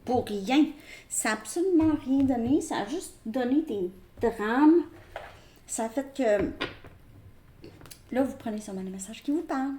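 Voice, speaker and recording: A woman's voice: fairly high pitch, expressive, unhurried, pauses often, warm tone, roomy sound, a little hiss or hum. A woman with a Québécois French accent giving a casual tarot reading. She talks to her viewers in a chatty way and repeats herself. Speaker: tarot reader.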